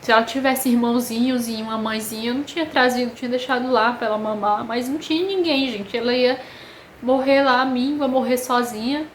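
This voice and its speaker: A woman with a Brazilian Portuguese accent, telling a personal story to camera in an emotional, halting way with many pauses. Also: on the high side, a little hiss or hum. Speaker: vlogger. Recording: echoey room with faint ambience.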